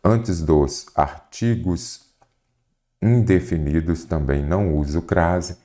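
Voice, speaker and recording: A man's voice: low-pitched, slow. A man with a Brazilian Portuguese accent teaching an exam prep grammar lesson, explaining step by step and asking the viewer questions. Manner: didactic, questioning the viewer, lively emphasis.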